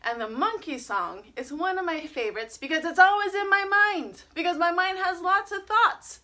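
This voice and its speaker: A woman's voice: extremely high pitch, normal speed, bright, forceful tone. A woman teaching a live online yoga class for children, playful and encouraging, sometimes breaking into sing-song chants.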